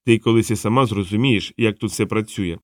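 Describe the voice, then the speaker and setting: A man's voice: lowish voice, a little fast, dry recording, clean studio sound, lightly acted. A man voicing an earnest, kind male watchman who explains things patiently.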